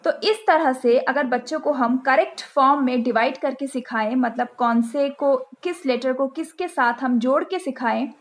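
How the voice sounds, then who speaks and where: A woman from India hosting a channel, teaching phonics to parents and spelling letters out and repeating sounds slowly, with an Indian accent. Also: sits high. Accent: Indian English. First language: Hindi.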